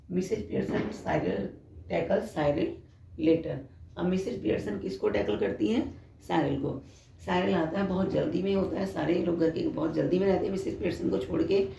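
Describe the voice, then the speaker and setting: A woman's voice: lowish voice, brisk, creaky, dark tone, echoey room, slight background noise. A woman teacher retelling a story to her class, often stopping to quiz her students. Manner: explains with quizzing questions to students. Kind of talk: Hindi lesson retelling a story.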